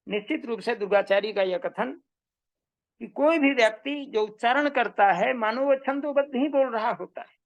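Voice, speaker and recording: A woman giving a measured, emphatic lecture on Vedic meter, repeating her key points. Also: a little high. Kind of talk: slow explanatory lecture.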